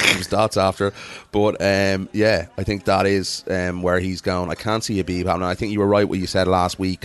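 Fast-talking, low-voiced man. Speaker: podcast co-host and MMA pundit. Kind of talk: casual sports discussion.

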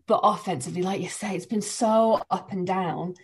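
Woman, English accent, sports presenter, casual chat, animated, quick laughs. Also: mid-range voice, slightly rough. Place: living room at home.

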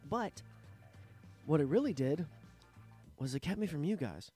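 A man's voice: on the high side, lively intonation, unhurried, mellow, soft background music. Nasal sick man rambling on a podcast. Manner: rambling, profane, self-interrupting. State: sick, sore throat and coughing. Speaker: podcast host. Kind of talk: casual solo podcast monologue. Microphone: studio microphone.

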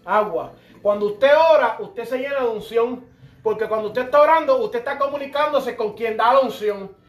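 Faint music sits behind a middle-aged man delivering a sermon in a very high voice at a moderate pace. His preaching is fervent and straightforward, and now and then he acts out dialogue between church members.

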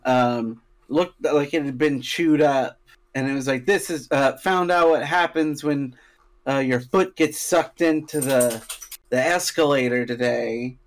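A man's voice: mid-range voice, a little slow. A man co-hosting a podcast, telling stories casually in a skeptical, matter-of-fact way. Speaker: podcast co-host. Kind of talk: casual conversational storytelling.

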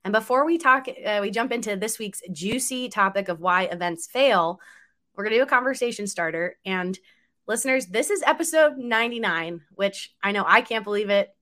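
A woman co-hosts a podcast with a bright, forward voice at an ordinary pitch. She chats in a friendly way and pokes a little fun at herself. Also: animated, normal speed. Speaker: podcast co-host. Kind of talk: casual podcast chat.

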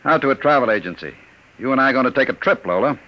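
A man's voice: medium pitch, animated, racing, lo-fi sound, close to an everyday voice. Man playing a suave, cold-blooded crook, swooping delivery. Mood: brisk, reassuring. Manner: suave, menacing, unruffled. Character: smooth-talking, cold-blooded male crook, controlling lover. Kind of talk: old-time radio drama acting. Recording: vintage radio recording.

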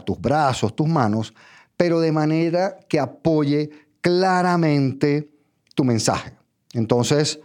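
A man giving a public speaking lesson, talking straight to the listener in numbered steps and checking in with a quick "ok?". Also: mid-range voice, darkish tone. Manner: direct, addresses listener as tú, numbered steps, frequent "¿ok?". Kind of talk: instructional talk.

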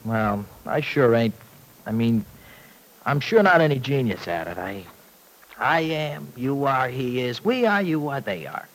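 A man's voice: mid-range voice, big pitch swings, unhurried, rough recording. An actor playing an uneducated, loyal young city man in a radio soap, slangy and plainspoken. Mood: puzzled, grumbling. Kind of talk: old radio soap acting.

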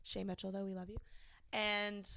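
A woman's voice: medium pitch, flat delivery, moderate pace, creaky, bright, forceful tone, dry recording, studio quality. A young adult woman co-hosting a podcast, talking casually and laid-back, with some swearing. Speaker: podcast co-host. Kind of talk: casual chat.

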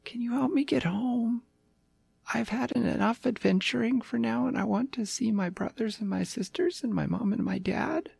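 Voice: mid-range voice, moderate pace, creaky, darkish tone, breathy edge, no room sound, pitched above the performer's own voice. A storyteller voicing a small, eager, lost male puppy who rambles in long run-on sentences. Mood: rambling.

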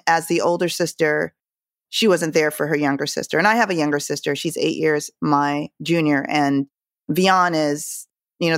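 A woman with a fairly low voice talks through a novel she has strong feelings about. She is emphatic and pushes her voice higher when she quotes the characters. The sound is dry and close. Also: dry recording. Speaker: book club member. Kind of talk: casual book discussion.

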